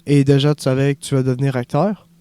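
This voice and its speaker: A man narrates an audiobook in a calm, measured way. His tone is dark and mellow, and his voice is smooth and resonant. The recording is close and dry. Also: mid-range voice, dry recording. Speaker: audiobook reader.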